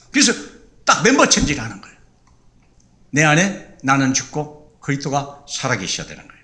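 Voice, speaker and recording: A man's voice: a little high, pushed and bright. A man preaching a sermon emphatically, full of rhetorical questions and repetition.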